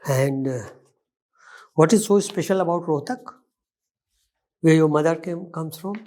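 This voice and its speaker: A man with an Indian accent putting formal questions as an interview panelist, halting and often rephrasing himself. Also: on the high side, mellow. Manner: halting, repeats and reformulates questions.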